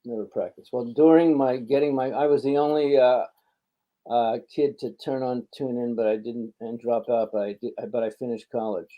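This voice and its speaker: A man's voice: mid-range voice, steady tone, normal speed, lo-fi sound. An older American man from Philadelphia chatting casually as an interview guest, telling rambling anecdotes. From Philadelphia, United States. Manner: rambling storyteller.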